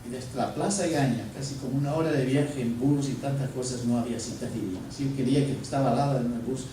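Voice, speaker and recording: A man's voice: medium pitch, fast talker. A man, a pastor, telling a personal story in a sermon and acting out the dialogue. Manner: animated, acts out dialogue. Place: church. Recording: echoey church from a distance, faint noise.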